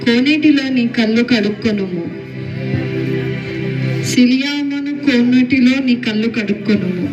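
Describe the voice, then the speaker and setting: A man playing a calm teacher speaking to his disciples in a stage play, in a measured, archaic preaching manner, recorded from afar with music. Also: very high voice, highs cut off. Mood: solemn. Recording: distant mic, music behind.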